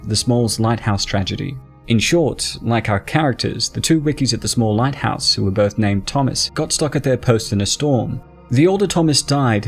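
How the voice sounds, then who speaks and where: A man giving scripted, measured narration for a film explainer video. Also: lowish voice.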